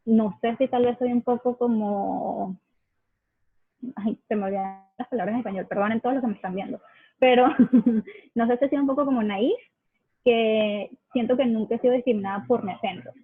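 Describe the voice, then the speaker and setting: A young woman from Venezuela, chatting thoughtfully and a little hesitantly, often pausing to search for words. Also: on the high side, steady tone, slightly rough, no echo. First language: Spanish. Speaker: guest sharing immigrant experience. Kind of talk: casual video chat. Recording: tinny dry call audio.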